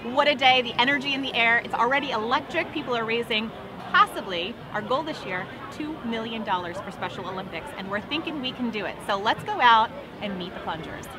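A woman's voice: fairly high pitch, expressive, brisk. An enthusiastic American woman hosting upbeat street interviews outdoors in an encouraging manner. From New Jersey, US. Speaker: event host and interviewer. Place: outdoors on seaside boardwalk and busy street. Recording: noisy outdoor crowd and street ambience.

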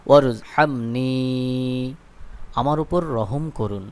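In this recitation lesson, a male Quran teacher speaks at medium pitch with a Bangladeshi Bengali accent. He breaks words into spelled-out syllables and chants each slowly for his students to echo.

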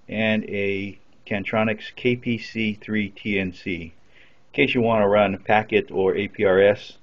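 A man with a fairly low voice, an amateur radio hobbyist, demonstrates his equipment in an unscripted, matter-of-fact, practical way. The audio is dull and lo-fi, as if from a simple camera microphone.

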